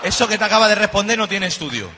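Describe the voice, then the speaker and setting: A man's voice: high voice, lively intonation, very fast, background noise. A middle-aged man doing a stand-up comedy monologue on a live stage, talking in slang and bantering with the audience. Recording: live show with loud crowd laughter.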